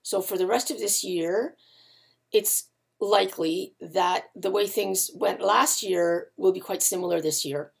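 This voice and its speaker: A middle-aged woman with a growly, gravelly voice, giving unscripted market commentary in an explanatory, halting way with pauses. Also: medium pitch. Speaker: market analyst and host. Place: indoors, seated before a patterned backdrop.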